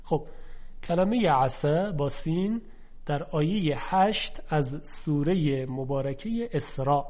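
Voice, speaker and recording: A man teaches Quran recitation in a fairly high voice. He explains patiently and slowly sounds out pairs of letters to contrast them. The recording is dull and lo-fi. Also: expressive, a little mellow. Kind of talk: instructional lesson.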